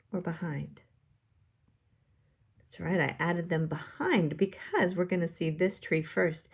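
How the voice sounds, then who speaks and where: A woman art teacher with a lowish, slightly mellow voice gives step-by-step drawing instructions. She uses simple, encouraging language and often asks the viewer questions.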